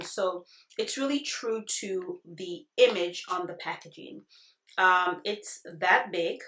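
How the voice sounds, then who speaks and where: A woman's voice: mid-range voice, a bit bright. A woman giving a casual product review, chatting directly to her viewers in an informal way. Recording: echoey, roomy sound.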